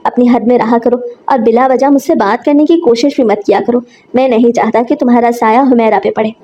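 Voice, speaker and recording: A woman's voice: a little high, fairly even intonation, brisk, mellow, highs cut off, lightly acted. A woman voicing a scornful husband who taunts his wife, read as part of a storybook narration. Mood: mocking. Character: grown man, a scornful mocking husband.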